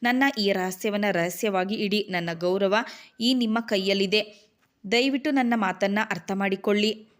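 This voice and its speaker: A woman's voice: mid-range voice, normal speed, natural voice. A woman reading as a tearful pleading young wife. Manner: begging, tearful.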